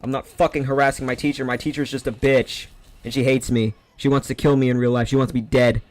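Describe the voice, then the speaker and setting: Man, game streamer, profane rambling rant, sarcastic, middle pitch, dry close sound. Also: flat delivery, fairly quick, no echo. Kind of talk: casual rant over gameplay.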